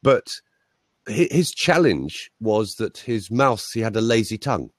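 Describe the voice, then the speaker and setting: A man's voice: on the low side, unhurried, no echo, studio quality. A man, a voice coach, telling anecdotes in a casual interview chat over a video call. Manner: lively anecdotal storytelling.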